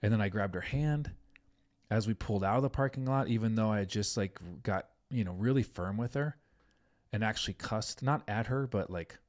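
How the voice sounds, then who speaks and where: A middle-aged man hosting a parenting podcast, telling a story in an earnest, animated way and saying "like" often. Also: lowish voice, brisk. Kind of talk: casual podcast conversation.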